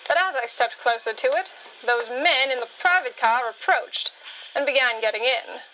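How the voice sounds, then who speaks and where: Self-assured woman narrator for a radio story, high and bright, witty delivery. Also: expressive, normal speed, muffled recording, a little hiss or hum.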